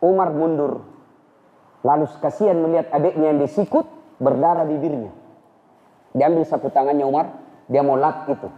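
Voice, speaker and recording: A man's voice: a little high, normal speed, pauses often, phone-quality sound. A man preaching a humorous sermon, telling a story dramatically and addressing his audience. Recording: echoey hall.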